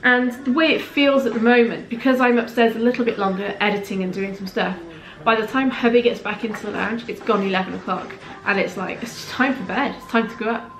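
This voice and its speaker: A woman's voice: on the high side, fairly even intonation, fairly quick, hardly any pauses, fairly bright tone. A woman, talking candidly to camera as a parenting vlogger, chatty and heartfelt with rambling asides. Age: late 30s. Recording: roomy echo in a home room.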